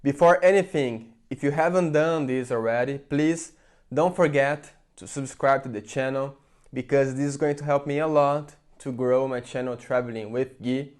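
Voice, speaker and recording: A Brazilian man with a Brazilian Portuguese accent speaks English at normal speed in a medium-pitched voice. He's a vlogger in England, giving a chatty, rambling opinion vlog full of fillers and restarts.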